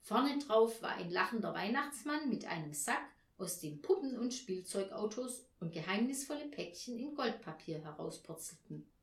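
A woman reading a children's story aloud in a gentle, lively storytelling manner. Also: mid-range voice, moderate pace, few pauses. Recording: roomy echo.

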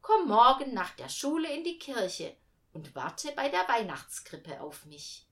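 A woman voicing a small, gentle, kindly male angel in a storybook reading. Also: on the high side, very animated, a little slow, voice pushed up.

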